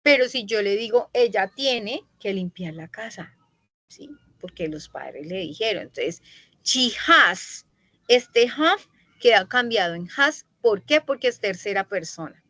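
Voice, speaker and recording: A woman's voice: medium pitch, animated, a little slow, pushed and bright, no echo, poor audio. A woman teaching an English grammar lesson in an online class, explaining patiently and checking in often with her students. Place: online meeting recording.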